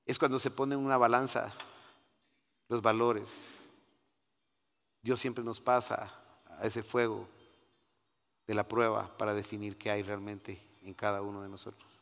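A middle-aged man giving a sermon testimony. He goes from hushed, confiding talk to loud, emphatic preaching and keeps calling his listeners brother. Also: lowish voice, level tone, a little slow, creaky, pauses often, in a large hall.

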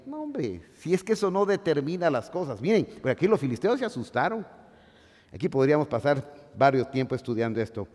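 A man preaching a sermon as pastor, swinging from shouting to hushed asides. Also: a little high, sing-song, fairly quick. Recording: long hall reverb.

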